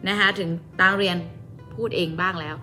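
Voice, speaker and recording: A woman with a Thai accent, a native Thai speaker, teaching English vocabulary to children. She stretches each word out slowly and politely, in a very bright, sharp voice. Light music plays behind her. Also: mid-range voice, fairly even intonation. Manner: slow, drawn-out word drills with a polite teacherly tone.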